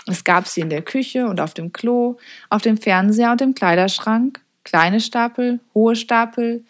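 A woman's voice: on the high side, unhurried. Woman reading a storybook aloud. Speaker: audiobook narrator. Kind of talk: scripted storybook narration.

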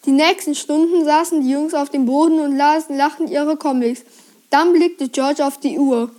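A woman presenting and reading a children's book aloud, in a lively storybook manner. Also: high voice, moderate pace.

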